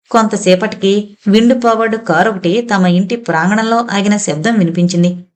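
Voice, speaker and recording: Woman narrating an audio novel. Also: medium pitch. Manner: reads all characters herself, quoted lines lightly voiced.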